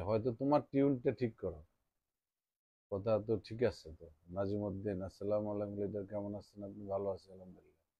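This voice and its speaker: A middle-aged man with a low-ish, mellow voice hosts a political live stream, reading out viewers' names as they join and greeting them. He checks his sound often, and the recording is dry and muffled.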